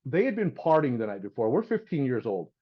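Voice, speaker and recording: With a medium-pitched, breathy-edged voice and a fairly quick pace, this middle-aged house painter is an animated storyteller on a podcast, acting out characters' voices and dropping "man" and "dude" as he goes. The audio is lo-fi.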